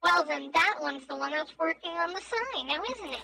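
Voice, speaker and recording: A woman playing in a casual tabletop game chat, playful and quick with jokes. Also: very high voice, lively intonation, vocal fry, bright, forceful tone, a little hiss or hum, low-quality recording. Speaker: player. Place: home streaming setup.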